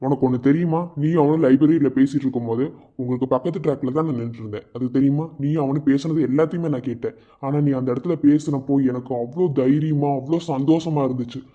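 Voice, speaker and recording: A man's voice: mid-range voice, fairly even intonation, quick pace, lightly acted. A man voicing a male college student who earnestly reassures his fiancée and promises to protect her. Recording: dull lo-fi sound.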